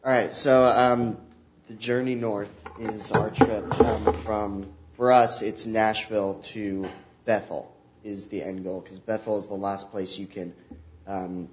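Low, even-voiced man, dull noisy recording. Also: measured pace. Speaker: co-presenter. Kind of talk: informal presentation. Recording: dull sound with faint background noise.

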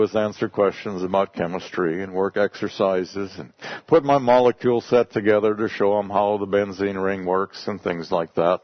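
A native English-speaking man, a missionary, tells a congregation about his work in a folksy, conversational storytelling style. His voice sits on the low side. The recording is dry, dull, and lo-fi.

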